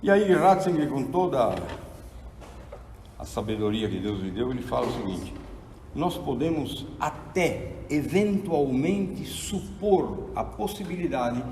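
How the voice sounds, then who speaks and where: Recorded from afar in a reverberant hall, this sixty-something man from Argentina delivers a theology lecture, his storytelling lively and sermon-like. He has a mid-range voice and a measured pace, with slight hiss or hum in the background.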